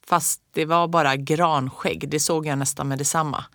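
Calm woman reading a storybook. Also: sits low, dry recording, clean studio sound. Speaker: audiobook reader. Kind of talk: scripted storybook narration.

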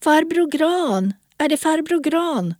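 A frightened young girl calls out in a high, pleading voice, put on by a woman reading a story aloud. Her cries are loud and urgent, and she begs in a voice full of fear. The recording is dry and close. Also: expressive, no echo.

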